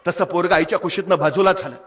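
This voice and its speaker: High, bright-voiced male storyteller. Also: fairly even intonation, quick pace, husky. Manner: sing-song, dramatic delivery. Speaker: motivational speaker. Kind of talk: emotional storytelling speech.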